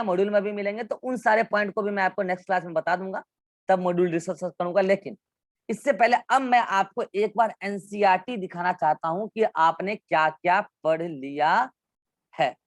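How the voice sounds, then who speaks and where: A man's voice: high-pitched, fairly quick, no room sound, studio quality. A male biology teacher giving an online class in with English science terms, walking students through textbook diagrams and repeating instructions.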